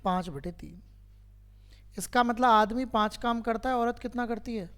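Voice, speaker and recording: A man's voice: very high voice, normal speed, fairly bright tone, clear, resonant tone. A man teaching a math lesson to a class, who keeps quizzing his students and patiently repeats each step.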